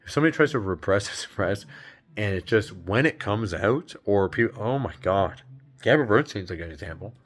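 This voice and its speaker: A man's voice: lowish voice, expressive, a little fast. A man talking off the cuff in a rambling, exasperated way, swearing and acting out quoted voices. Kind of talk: casual spiritual rant.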